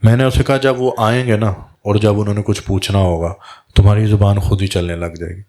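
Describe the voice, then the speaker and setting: Sufi guide guy, lowish voice, tells a story and does the voices of the people in it. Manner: recounts dialogue in lively quoted voices. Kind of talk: storytelling religious talk.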